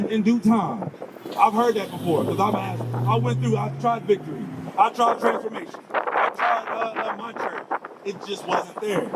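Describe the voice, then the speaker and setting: Brief: fairly high-voiced male street preacher, emphatic and questioning, outdoors with loud traffic noise behind. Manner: questioning, emphatic, calls out 'come on'.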